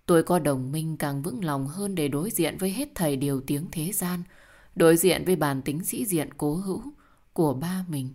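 A woman narrating an emotional first-person audio story in a soft storytelling manner. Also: low voice, moderate pace.

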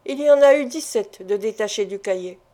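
A woman's voice: mid-range voice, fairly quick, mellow, close to an everyday voice. A woman reading the lines of a stern, ailing elderly father who presses his family with questions. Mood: commanding.

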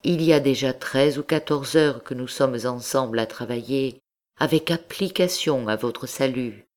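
Une femme faisant la voix d'un prêtre confesseur doux et fatigué, patient et posé, dans un livre audio. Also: female voice, rumbling low, measured pace, a little mellow. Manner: patient, reasoning, formal. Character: gentle, tired male priest-confessor.

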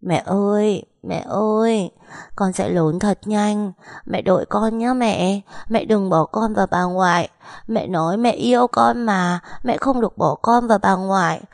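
A woman's voice: lowish voice, normal speed, darkish tone, no room sound, clean studio sound, voice pushed up, close to an everyday voice. A woman voicing a young boy who pleads tearfully with his sick mother. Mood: sobbing plea.

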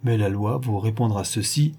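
Brief: guilty millionaire banker, read by a man, measured, mellow tone. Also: on the low side, husky. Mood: calm. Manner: measured, reasoning.

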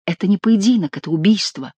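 A woman's voice: mid-range voice, expressive, fast talker, darkish tone, husky, dry recording. A woman voicing a hot-headed young nobleman swordsman in an audiobook, with a bold, defiant delivery.

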